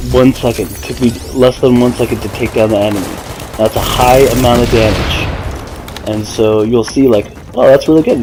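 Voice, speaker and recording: Over faint gunfire and game music, a man with a medium-pitched voice narrates his gameplay casually for a gaming video. He explains things with hesitation, often correcting himself, and the background is noisy.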